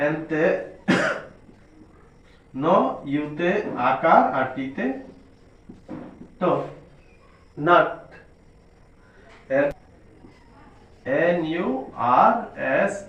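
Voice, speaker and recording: Man teaching letters real slow, asks and answers himself, big echoey room, far dull mic. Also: a little high, lively intonation. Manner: spells out letters slowly, asks and answers his own questions. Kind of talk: step-by-step spelling lesson.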